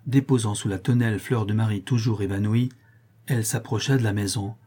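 A man narrating a classic novel as an audiobook in a measured, steady reading style. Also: lowish voice, slightly rough. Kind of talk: scripted narration.

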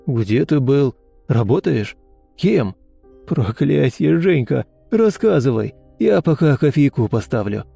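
An excitable gray-haired doctor, read by a man, talks fast and eagerly yet stays precise. The voice is gravelly, very dark and mellow. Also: mid-range voice, dry recording, soft background music, full character voice. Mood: excited. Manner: hurried, excited but precise speech.

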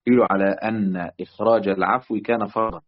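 A man, teaching a study lesson on a classical text with a measured manner and frequent hesitant fillers. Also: fairly low pitch, steady tone. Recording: dull lo-fi audio.

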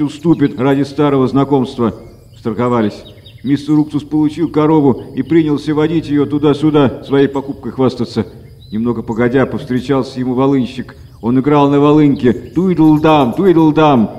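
A man reading a fairy tale aloud as a storyteller, lively and acted out. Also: mid-range voice, dull audio. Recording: echoey reverberant room.

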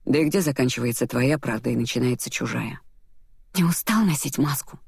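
Reader doing a weary, detached nobleman in an audiobook, hushed and dry. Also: extremely low pitch, animated, gravelly, husky, dry recording, heavily acted. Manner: quiet, measured, sighing. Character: calm, cold male nobleman, weary. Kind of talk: audiobook character voice.

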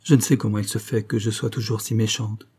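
A man's voice: fairly low pitch, level tone, a little fast, a little mellow, breathy edge. A man reading a remorseful, pleading wife. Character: remorseful married woman, tearful and pleading.

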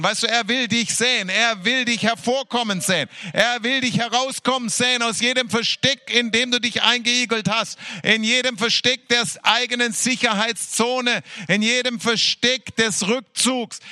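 A man with a high, bright voice leads worship, reading scripture slowly and ecstatically, drawing out each phrase and calling out hallelujahs between lines. He sounds fervent and exultant, and the recording is dry and close. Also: no echo. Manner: fervent, exclaiming hallelujahs, laughing between verses; slow, drawn-out delivery. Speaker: worship leader.

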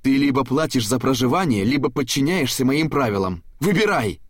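A stern middle-aged father barks orders at his sons in a storybook reading, played by a man. The voice is raised, husky and dry, and sounds hard and tense. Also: mid-range voice, very animated, normal speed, no room sound. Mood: commanding. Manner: commanding, barking.

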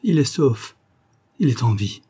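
A man's voice: very animated, a little slow, warm tone, breathy edge, exaggerated voice. Man putting on an anxious pleading wife. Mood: overwhelmed. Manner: emotional and pleading, raised pitch. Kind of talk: audiobook reading.

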